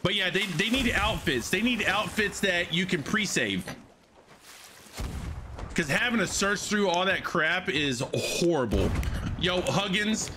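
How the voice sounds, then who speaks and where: Live-streaming a game over a headset microphone, a man in his thirties speaks with a high, expressive voice at a measured pace amid background noise. He chats casually, swears, repeats phrases, and coughs again and again, explaining that his voice is going.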